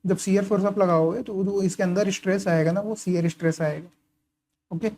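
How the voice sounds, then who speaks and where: A man's voice: steady tone, brisk, a little mellow. A man tutoring engineering students in a casual lecture, often posing questions and answering them himself while checking in with "okay" and "right". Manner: keeps asking and answering his own questions, frequent "okay" and "right" check-ins; writes and highlights while talking. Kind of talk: casual lecture explaining course material.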